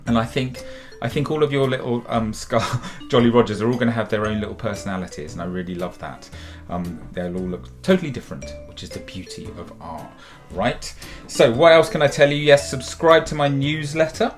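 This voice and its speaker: A man's voice: medium pitch, brisk, faint music behind. A middle-aged man from the UK giving a friendly, chatty drawing lesson to children, encouraging them and calling them guys. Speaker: children's drawing tutor and author.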